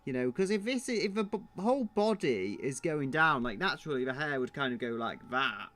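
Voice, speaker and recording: A man's voice: medium pitch, expressive, normal speed, a bit bright. A man streaming his drawing, thinking aloud in a muttering, self-deprecating way.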